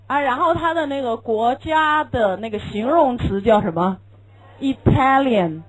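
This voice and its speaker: A woman's voice: on the high side, normal speed, low-quality recording. A woman whose first language is Chinese teaches an English lesson, explaining patiently, asking rhetorical questions and repeating key phrases. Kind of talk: classroom lecture.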